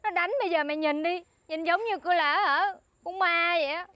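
A woman's voice: extremely high pitch, fairly quick, no room sound, highs cut off. An actress with a Southern Vietnamese accent playing a naive wife who complains and pleads with her friend. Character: naive, put-upon young wife. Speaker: actress in a comedy sketch.

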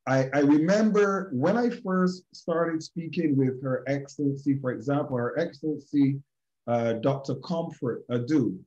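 Speaking to a group session over video, this Barbadian man delivers emphatic, sermon-like motivation, circling back to key phrases and addressing people directly. His mid-range voice is a little slow and slightly mellow, and the audio comes across dull.

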